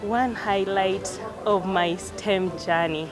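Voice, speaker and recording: A woman's voice: mid-range voice, slow, low-quality recording. A woman with a Kenyan accent answering questions in a casual interview chat. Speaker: programme participant being interviewed. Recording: music playing behind the voice.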